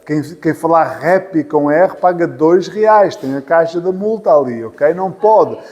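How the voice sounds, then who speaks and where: In a church hall classroom, a Portuguese man with a European Portuguese accent teaches English patiently, repeating phrases and joking lightly. His voice is a little high and darkish in tone, with lively intonation and an unhurried pace. The recording is muffled and the hall reverberant.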